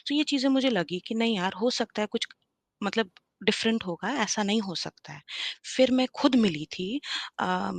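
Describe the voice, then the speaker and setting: A woman in her thirties telling her personal story as a guest on a live stream, lively and mixing English phrases into her speech. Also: lowish voice, vocal fry, no room sound. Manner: animated, mixes English into Hindi, many fillers. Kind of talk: personal testimony, casual storytelling.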